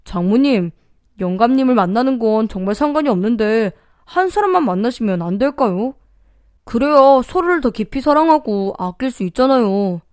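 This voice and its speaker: A woman's voice: a little high, animated, normal speed, darkish tone, dry recording, studio quality, lightly acted. Woman voicing a polite widowed son-in-law. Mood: pleading. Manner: polite, deferential speech to his mother-in-law.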